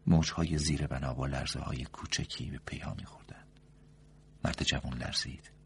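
Very deep, gravelly male narrator. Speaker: narrator and radio-style program host. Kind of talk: scripted story narration.

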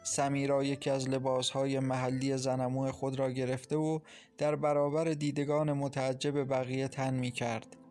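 A man narrating a novel in a calm, even storytelling voice. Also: medium pitch, soft background music. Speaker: audiobook narrator. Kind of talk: scripted narration.

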